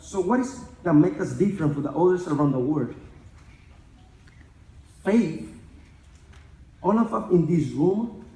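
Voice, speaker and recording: A man's voice: fairly high pitch, dark tone. A young man from the Republic, giving an earnest, emotional graduation speech and repeating phrases for emphasis. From Dominican Republic. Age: young adult. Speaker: graduating student speaker. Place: large event hall. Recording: echoey hall.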